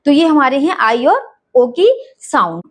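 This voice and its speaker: High-voiced woman slowly sounding out phonics. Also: very animated. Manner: sounds out words letter by letter; talks to parents. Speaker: phonics teacher. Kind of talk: slow sounding-out phonics lesson.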